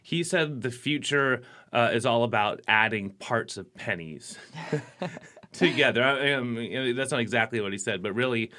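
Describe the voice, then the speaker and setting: This working musician, an interview guest, speaks at a moderate pace in a mid-range voice. His answers are relaxed and meandering, heavy on fillers like "like" and "you know."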